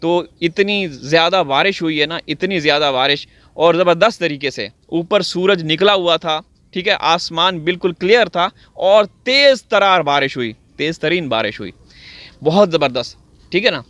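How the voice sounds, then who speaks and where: Man from Pakistan, high bright voice, sarcastic theatrical commentator talking straight to his viewers. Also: normal speed, no echo. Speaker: video commentator. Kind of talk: mocking commentary. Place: outdoors on wet farmland.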